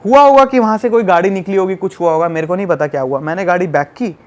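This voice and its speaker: On a podcast, a young guest from Delhi recounts a story in casual conversation, moving at a quick pace. His voice is high for a man, and his delivery is animated and emphatic, with words repeated for effect.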